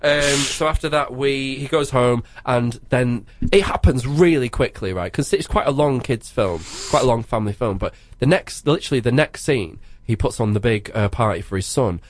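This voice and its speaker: A man's voice: medium pitch, animated, dry recording. A man co-hosting a casual film review chat, chatty and rambling. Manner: chatty, rambling, quick to laugh. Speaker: podcast co-host.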